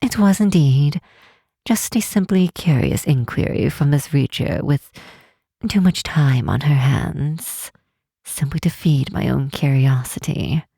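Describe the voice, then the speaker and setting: A woman fully inhabits the role of a half-elf mistress of a tower in fantasy ASMR, her low, dark, husky voice creaking slightly as she speaks softly near the mic with no echo. Teasing and curious, she takes her time, picks formal, archaic words and keeps things playful.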